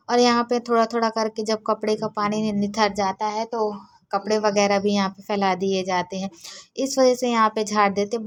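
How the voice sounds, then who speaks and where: A woman, chatting casually to her viewers in a home vlog. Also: medium pitch. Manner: chatty, talks straight to viewers. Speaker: vlogger.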